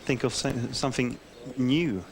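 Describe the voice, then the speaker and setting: Male golf co-commentator, mid-pitched, hesitant. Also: moderate pace, crowd noise.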